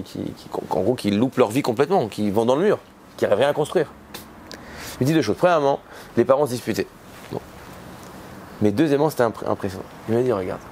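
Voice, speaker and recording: A man's voice: medium pitch, slight background noise. A man, a rabbi, giving an informal conference talk to an audience, telling stories and acting out the people he quotes. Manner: informal, storytelling, acts out voices in quotes.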